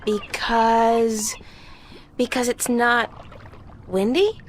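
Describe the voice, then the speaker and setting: A woman's voice: on the high side, fairly even intonation, drawn-out words, slight background noise. An actress playing an inquisitive young woman adventurer who keeps asking naive questions. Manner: asks endless naive questions.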